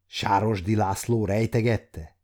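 A dignified medieval king who speaks sternly and with authority, voiced by a male audiobook reader. The voice is dark and mellow. He weighs each word. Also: on the low side, steady tone, close to an everyday voice. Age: 50s. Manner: commanding, measured.

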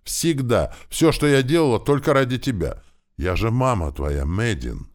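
A defiant noble mother, put on by a man with a very deep voice, pleads and cries out in a strained, raised pitch. Her lines swing from begging to open defiance. An audiobook character voice. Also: lively intonation, moderate pace. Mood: pleading. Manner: pleading, rising to shrill defiance. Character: desperate aging noblewoman, a prince's mother, defiant.

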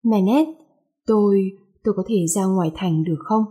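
A woman voicing a stubborn, proud young heroine with a husky, mellow voice in a read-aloud story. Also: medium pitch, normal speed, close to an everyday voice. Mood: defiant.

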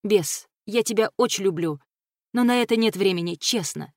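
A woman's voice: mid-range voice, lively intonation, moderate pace, no room sound, clean studio sound. A woman reading an audiobook voices a bold young female mercenary leader, terse and commanding. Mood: gentle.

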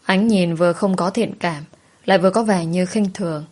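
A woman with a somewhat low voice narrates a first-person story. Her reading is steady and plain. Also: moderate pace.

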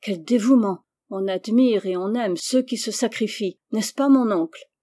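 A woman reading the lines of a polite, caring little girl in a storybook, with earnest, softly eager questions. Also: medium pitch, unhurried, no echo, natural voice. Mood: admiring.

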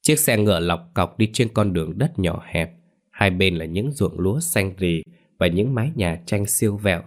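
A man narrating a scripted horror story in a measured, ominous way. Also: sits low, animated.

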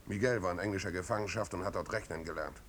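In a 1950s German radio drama, an actor plays a humble, plain-spoken village man who is earnest, firm and deferential. His voice is fast and a bit bright, and the old radio recording carries a rumbling background noise.

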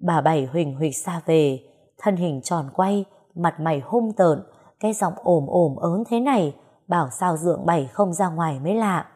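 A woman narrating a village story in an expressive, folksy storytelling manner. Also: on the low side, moderate pace, breathy edge.

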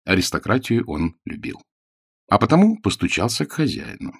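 A man narrating an audiobook in a wry, measured storytelling manner. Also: on the low side, huge pitch swings, slightly rough, dry recording, studio quality. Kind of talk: scripted narration.

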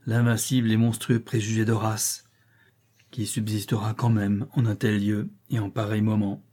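A man narrating an audiobook with a measured, dramatic reading. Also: fairly low pitch, flat delivery, warm tone, husky.

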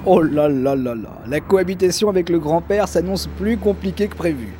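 A man's voice: on the high side, normal speed, mellow, a little hiss or hum. A man hosting a radio show, delivering scripted comic narration in a wry, mock-solemn way. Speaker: radio host. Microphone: studio microphone.

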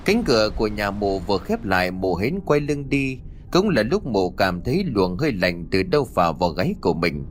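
A man narrating a ghost story in an expressive, dramatic way. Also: fairly low pitch, slight background noise.

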